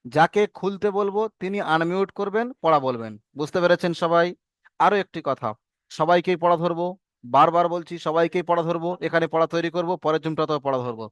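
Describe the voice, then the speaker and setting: A man's voice: a little high, a little fast, clean tone, dry recording. Patient Bengali man teaching a class. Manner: patient, repeats drills and asks the class to answer together. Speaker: Quran reading teacher. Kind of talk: online class lesson over video call. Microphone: video call microphone.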